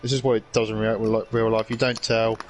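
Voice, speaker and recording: A man's voice: fairly low pitch, little pitch movement, fairly quick, a little hiss or hum. A man co-commentating a sim race, joking and easygoing. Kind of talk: live esports race commentary.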